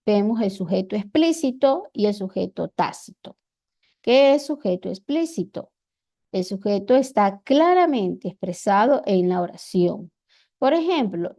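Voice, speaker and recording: A woman teacher with an Ecuadorian accent, explaining grammar slowly and deliberately, repeating her examples. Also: on the high side, mellow. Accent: Ecuadorian Spanish.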